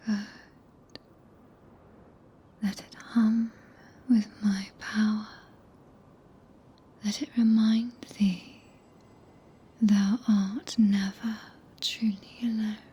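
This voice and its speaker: Regal witch played by a woman, British, hushed breathy ASMR whisper, extremely unhurried and solemn, tenderly possessive. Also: mid-range voice, flat delivery, full character voice. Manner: slow, solemn, intimate, deliberate pauses. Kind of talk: ASMR roleplay, archaic scripted speech. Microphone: close binaural ASMR microphone.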